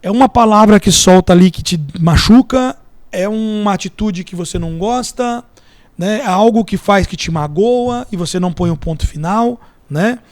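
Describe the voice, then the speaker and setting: A man's voice: high-pitched, normal speed, no echo. A Brazilian man, a podcast guest, chatting casually and telling anecdotes and parables with acted-out quotes. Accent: Brazilian Portuguese. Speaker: podcast guest, entrepreneur and mentor.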